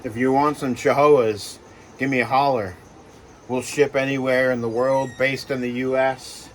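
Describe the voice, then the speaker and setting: A man who breeds reptiles talks casually in a vlog while handling geckos, with lots of fillers and soft reassurances to the animals. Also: medium pitch, flat delivery, normal speed, slight background noise. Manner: rambling, filler-heavy, coos softly to the geckos.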